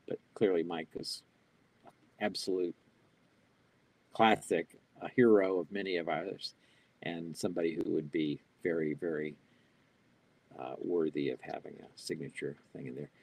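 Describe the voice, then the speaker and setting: An older man with a deep, creaky voice speaks a little slowly as keynote presenter in a live online Q&A, reading audience questions and answering spontaneously with fillers and restarts. He's on a video call using a wired earbud headset in a small home office.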